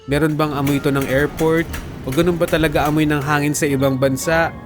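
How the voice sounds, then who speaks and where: A young man from the Philippines narrating a comedic storytime for an animated video, with playful jokey asides to viewers. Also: a little high, fairly quick. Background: background music.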